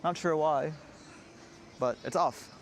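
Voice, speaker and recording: A man with a fairly high-pitched voice speaks slowly as he gives a casual, talkative walking tour. He is a travel vlogger filming outdoors on a city street, where vehicles and street sounds fill the background.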